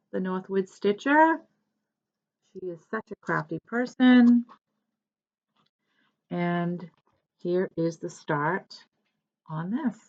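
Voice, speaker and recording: A woman's voice: lowish voice, lo-fi sound. A woman chatting casually as a cross-stitch vlogger, rambling a little and correcting herself as she goes. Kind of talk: casual show-and-tell chat.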